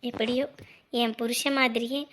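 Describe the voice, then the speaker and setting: A woman playing a bustling village housewife, high-voiced. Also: fairly quick, a bit bright, slight background noise. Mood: wistful. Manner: bustling, chatty, mothering. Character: fussing rural housewife and elder sister-in-law. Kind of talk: web drama acting.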